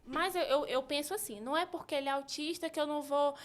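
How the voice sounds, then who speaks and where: High-voiced woman. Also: fast talker. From Brazil. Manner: animated storyteller, acts out family voices. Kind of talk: casual podcast chat.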